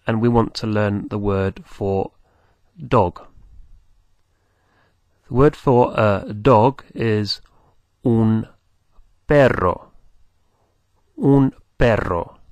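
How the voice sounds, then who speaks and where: A man teaching beginners, speaking slowly and patiently, repeating words for the listener to copy. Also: on the low side, a little mellow, no room sound. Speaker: language teacher. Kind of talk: slow, patient teaching with pauses.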